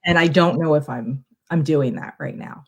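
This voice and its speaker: A middle-aged woman with a low-sitting voice, speaking at normal speed, chats casually as a guest on a live stream. She is a guest tarot reader bringing a question, and she talks in a reflective, long-winded way.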